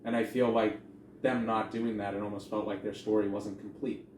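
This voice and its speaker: Low-voiced man rambling in echoey room. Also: flat delivery, moderate pace, darkish tone. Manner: rambling, profane, retells scenes in quoted voices. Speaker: podcast co-host. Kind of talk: casual movie review chat. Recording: echoey room, distant from mic, faint noise.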